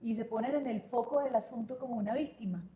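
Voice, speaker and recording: A woman's voice: fairly high pitch, fast talker, warm tone, roomy sound, a little hiss or hum. A woman hosting a live conversation, asking reflective questions and affirming her guests. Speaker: host of a live show. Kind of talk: warm conversational interview.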